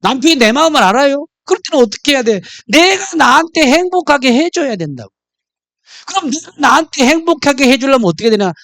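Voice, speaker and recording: A man's voice: very high voice, big pitch swings, fairly quick, a bit bright, dry recording, clean studio sound. A man preaching a sermon in church, mixing jokes and stories into his message. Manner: humorous, storytelling. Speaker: pastor.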